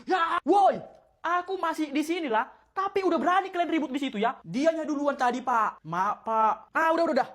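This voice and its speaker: A woman's voice: high voice, a little fast, a bit bright. A woman acting out a brash, scolding classroom comedy skit. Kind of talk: comedy skit, playing several characters.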